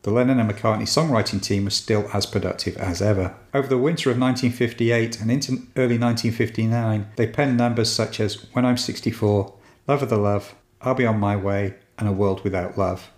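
A man hosting a podcast, reading a scripted history narration in a measured, even way. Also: lowish voice, reverberant. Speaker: podcast host.

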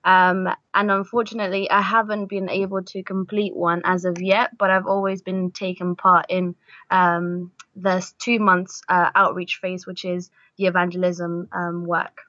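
A woman's voice: on the low side, level tone, a little slow, a bit bright, no echo, lo-fi sound. A nineteen-year-old woman from Argentina, a missionary guest talking casually in an interview, with many fillers and restarts. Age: young adult.

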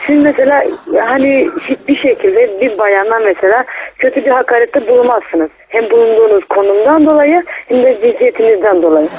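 A woman's voice: fairly high pitch, a little fast. A woman student speaking over a telephone line, answering questions hesitantly and often stopping to restart. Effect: heard over a telephone line. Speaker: student called in a prank phone call. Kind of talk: hesitant phone conversation. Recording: tinny phone line with crowd noise.

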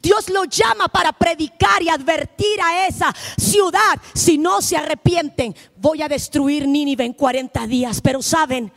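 High-voiced impassioned woman preacher. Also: unhurried, vocal fry, few pauses. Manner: impassioned, swings between shouting and hushed tones. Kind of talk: missionary sermon.

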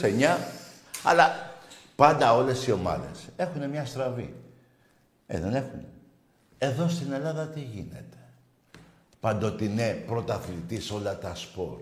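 Mocking sports talk host, lively voice. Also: male voice, mid-range voice, pauses often. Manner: mocking, provocative, swears freely. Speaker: call-in sports show host. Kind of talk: sports radio rant. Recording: roomy echo.

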